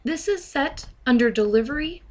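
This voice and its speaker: Guiding the listener methodically through each step, a woman instructor narrates a software training tutorial. Her fairly high voice is expressive and moves at a moderate pace.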